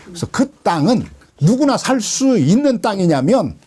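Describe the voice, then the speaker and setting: A man's voice: normal speed, slightly rough. A male pastor giving a sermon in colloquial, storytelling style, retelling scripture with dramatic swings. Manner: animated storytelling, colloquial, dramatic drops in pitch.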